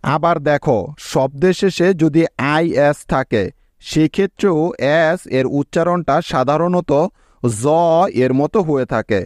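Slow, patient male language teacher. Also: on the high side, no room sound, clean studio sound. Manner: patient, spells words letter by letter, checks understanding often. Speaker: English pronunciation teacher. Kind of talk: slow step-by-step spelling lesson.

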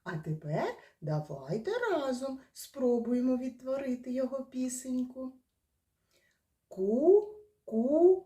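Slow, gentle teacher in an echoey room. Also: female voice, high voice, animated, recorded from a distance, slight background noise. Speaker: kindergarten teacher. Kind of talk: talking to young children in class. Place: kindergarten classroom.

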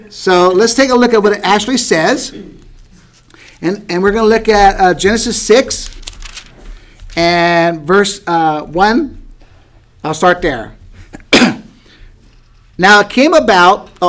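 High-pitched middle-aged male Bible teacher, chatty, quizzes his small class. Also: a bit bright. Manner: conversational, asks the class questions, light laughs.

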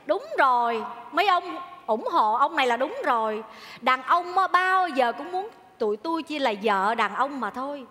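High bright-voiced woman scolding on stage. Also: expressive, moderate pace, big-room sound. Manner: scolding, argumentative, addresses the audience. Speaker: comedian in a stage sketch, playing a wife. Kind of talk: live stage comedy sketch. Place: theater stage with audience.

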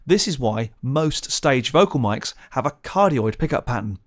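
Man, mid pitch, methodical tutorial presenter, close studio mic. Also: expressive, moderate pace. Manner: clear, methodical explaining. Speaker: presenter of a gear channel. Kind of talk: scripted tutorial narration. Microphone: studio condenser mic, close.

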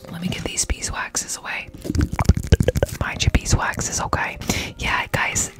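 A woman doing a whispered ASMR ear cleaning role-play in a soft, breathy voice, chatting affectionately and informally with viewers and repeating little phrases. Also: unhurried, loud music behind the voice. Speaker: ASMR live streamer and host.

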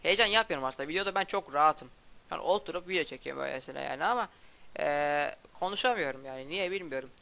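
A young man chats over his gameplay in a halting, stop-start way, restarting words and trailing off. His voice sits a little high and sounds bright and very clean. The delivery stays flat and subdued throughout. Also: gravelly. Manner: halting, stumbling speech with restarts. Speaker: gaming YouTuber. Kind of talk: casual gameplay commentary.

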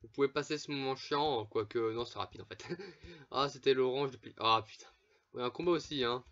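A man gives loose, chatty commentary while he plays, swearing freely and laughing between remarks. His voice sits at an ordinary middle pitch. The recording is a bit dull and lo-fi, with mouse clicks in the background. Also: moderate pace, fairly bright tone. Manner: swears often, laughs, chatty asides to viewers. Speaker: gameplay commentator. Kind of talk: casual let's play commentary.

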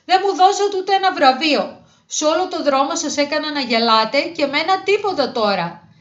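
A woman's voice: high-pitched, lively intonation, sharp tone, voice pushed up. A woman voicing a naughty, boastful young male squirrel in a children's storybook reading, whiny and tearful. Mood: weepy. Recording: dull lo-fi recording.

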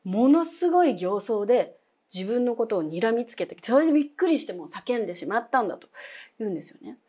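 A woman's voice: on the high side, very animated, fast talker, dark tone, husky. A young adult woman telling a ghost story as a guest, dramatic, dropping to whispers and acting out voices.

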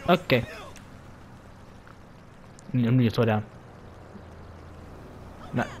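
A man's voice: mid-range voice, expressive, slow, darkish tone, slight background noise. A man giving casual, joking gameplay commentary, swearing a lot and laughing as he plays. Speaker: gamer.

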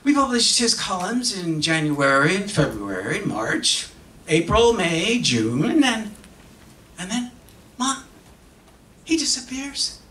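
Reading from a script at a theater podium, a middle-aged man with a high-pitched voice gives an emphatic, expressive dramatic monologue in both English and Spanish. He pauses deliberately and speaks into a microphone on a stand. It was recorded from afar in an echoing hall with slight noise.

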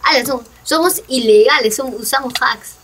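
A young Peruvian woman who hosts a gaming channel chats casually about gameplay in a high, slightly bright voice at a moderate pace. She is playful and teasing and laughs a lot. Her mic is noisy and sounds far away.

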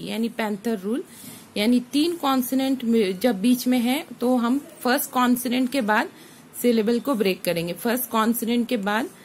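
A woman's voice: on the high side, slight background noise. Woman teacher, phonics lesson, spells out letters, checks in with listeners. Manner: spells words out letter by letter, asks "ठीक है?"; mixes English terms into Hindi.

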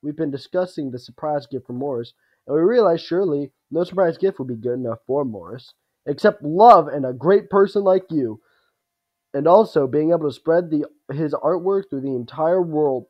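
A man's voice: on the high side, expressive, moderate pace, highs cut off. Man putting on a jolly, bumbling older man. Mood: jolly, friendly. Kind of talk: video game character read aloud.

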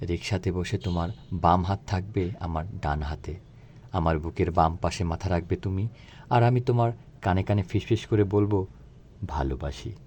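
Give me a man with a very deep, mellow voice reciting a romantic poem-drama. He speaks softly and tenderly, slowing down and dropping lower on the loving lines. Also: fairly even intonation, a little hiss or hum. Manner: soft, tender and slow, sinking low on lines of love.

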